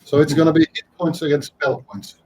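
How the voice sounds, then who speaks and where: A man's voice: on the high side, steady tone, brisk, a little mellow, rough recording. Dry-humored male co-commentator. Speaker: esports co-commentator. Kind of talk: live game commentary.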